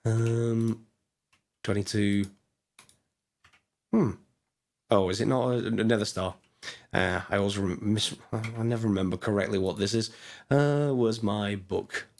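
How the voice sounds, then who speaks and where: A man with a hoarse voice, chatting casually as he narrates his gameplay, thinking aloud with lots of fillers. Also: on the low side, steady tone, unhurried, pauses often, a little mellow. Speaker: gaming channel host. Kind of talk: casual let's-play commentary.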